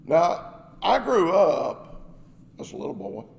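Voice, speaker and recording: A man's voice: sits high, big pitch swings, slow pace, creaky, darkish tone, in a large hall. A man preaching a sermon as pastor, emphatic, asking rhetorical questions.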